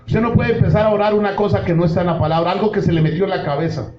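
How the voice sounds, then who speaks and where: Impassioned pastor preaching in an echoing church. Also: male voice, sits high, fairly even intonation, rapid-fire. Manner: impassioned preaching, addresses the congregation directly. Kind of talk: sermon. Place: church hall. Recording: roomy, dull church recording.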